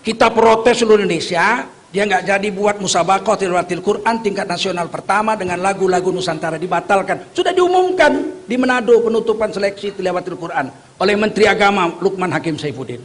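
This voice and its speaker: A man's voice: high voice, fairly quick. A man preaching a rousing sermon, joking and calling on the crowd to answer back. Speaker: Islamic preacher. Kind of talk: rousing sermon with call-and-response.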